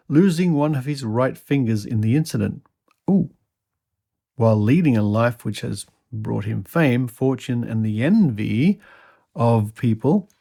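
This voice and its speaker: A man's voice: mid-range voice, creaky, warm tone. A man hosting a podcast, reading an old news article aloud and dropping in wry little asides. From Australia. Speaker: podcast host.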